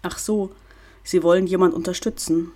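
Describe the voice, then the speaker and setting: A woman voicing a composed, stern older gentleman who speaks in a calm, measured way. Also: fairly low pitch, close to an everyday voice. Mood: unmoved.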